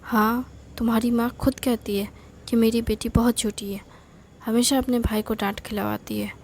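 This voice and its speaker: Firm, scolding storybook aunt, fairly high and mellow , read by a woman. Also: level tone, normal speed, a little hiss or hum, lightly acted. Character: strict, scolding middle-aged aunt.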